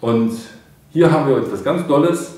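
Speaking at normal speed in a medium-pitched, darkish voice, a middle-aged man reviews a product at an indoor studio desk with a painted backdrop. He keeps it informal, a step-by-step demo for hobbyist viewers, though the far-off mic leaves the room sounding very echoey.

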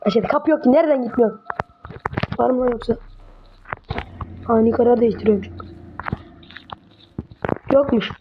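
A woman talks her way through a horror game, muttering and swearing whenever something startles her. Her voice sits high, and the home recording has clear background noise. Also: normal speed, pauses often, lo-fi sound. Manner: jumpy, mutters to herself, swears when startled. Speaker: gamer playing a horror game. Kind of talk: casual horror game commentary.

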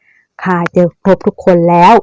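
A woman voicing a handsome, earnest middle-aged man who speaks in a slow, measured way. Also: darkish tone, no room sound, highs cut off, close to an everyday voice.

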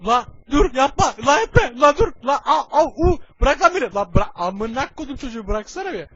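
A man's voice: high-pitched, brisk, dull audio, close to an everyday voice. A man voicing a bossy, scatterbrained, crude-talking cartoon hero in an amateur comedy parody dub. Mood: panicked, pleading.

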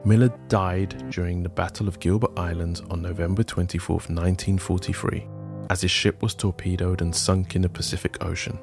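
A man with a low, gravelly voice tells a history story from a script. His asides turn wry and sardonic. Soft music plays faintly behind him. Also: little pitch movement, brisk. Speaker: podcast host.

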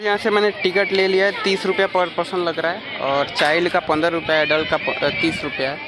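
A man's voice: fairly high pitch, little pitch movement, brisk, background noise. A young man vlogging on a walking tour of a lakeside park, chatting to viewers as he points things out and filming on a phone at arm's length. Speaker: travel vlogger. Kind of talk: casual walking tour vlog. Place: outdoor park by a lake, crowded. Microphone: phone camera held at arm's length. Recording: loud crowd and music around. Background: loud crowd chatter and music.

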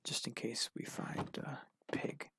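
A man's voice: slow pace, whispered. A man casually commenting on his own gameplay, musing and mumbling to himself. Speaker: let's play gamer.

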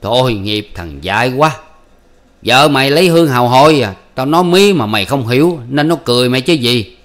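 A man's voice: mid-range voice, expressive, fairly quick, fairly bright tone, pitched above the performer's own voice, close to an everyday voice. A male audiobook reader voicing a blunt, teasing older village official who mocks a simple farmer. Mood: mocking. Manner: teasing, blunt, laughing at others.

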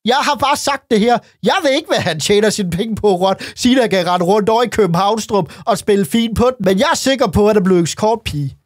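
High-voiced man ranting crudely. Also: hardly any pauses, no echo, studio quality. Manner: swears a lot, rambling, joking. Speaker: YouTuber reacting to memes. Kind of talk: casual crude comedic rant.

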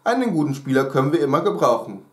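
A man voicing a brisk male teacher in a read-aloud story, inviting and direct. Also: a little high, sing-song. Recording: roomy echo.

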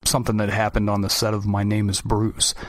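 A man's voice: lowish voice, completely flat delivery, fairly quick, dry recording. Laid-back male host, dry sound. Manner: enthusiastic, laid-back fan talk. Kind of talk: casual interview.

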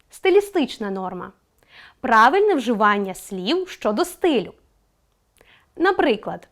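A woman teacher giving an online school lesson, explaining clearly and stressing each example. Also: sits high.

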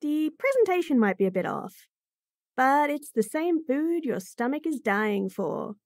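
In this F4M fantasy roleplay, a woman plays a bratty bunny-girl chef, teasing and addressing the listener straight on. She speaks a little slowly in a high, sing-song voice with a darkish tone. The clean studio sound has no room ambience.

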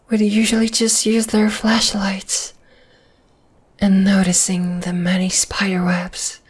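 A voice actor with a mid-range voice plays a dominating, flesh-eating spider monster in an ASMR roleplay. She whispers breathily in a teasing, menacing way, sounding intrigued and mocking.

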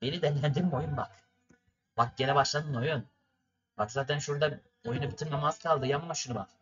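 A man's voice: a little high, normal speed, fairly bright tone, muffled recording. A young man from Turkey commentating his racing game for viewers, ranting and cursing at it in frustration. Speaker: gaming streamer. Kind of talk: gameplay commentary.

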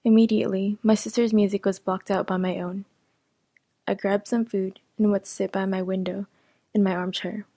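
A woman narrating a first-person audio story in an even, steady reading voice. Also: medium pitch, normal speed, dry recording.

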